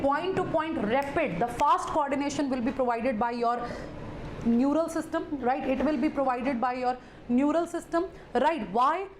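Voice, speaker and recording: High-pitched North Indian woman teaching. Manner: repeats phrases, addresses students directly, mixes in Hindi interjections. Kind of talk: live lecture to students. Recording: echoey room, faint background noise.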